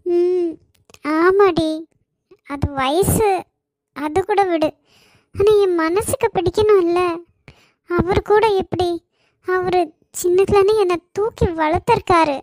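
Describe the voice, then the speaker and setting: Hesitant high cartoon girl, kanyakumari tamil, pleading and unsure, woman voicing, dry mic. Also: slow pace, long pauses, a little mellow, no echo. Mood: helpless. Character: troubled, timid young woman forced into marriage.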